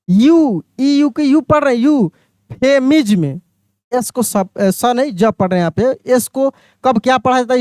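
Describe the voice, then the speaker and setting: A man's voice: very high-pitched, a little mellow, no echo, studio quality. A man teaching English phonics, spelling words letter by letter and asking the class what they read.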